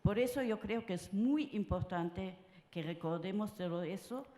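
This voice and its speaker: An older woman from France speaking at a round-table panel, halting and full of filler sounds. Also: mid-range voice, dark tone. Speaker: conference panelist. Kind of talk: personal talk at a round table. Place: conference hall. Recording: roomy conference hall sound.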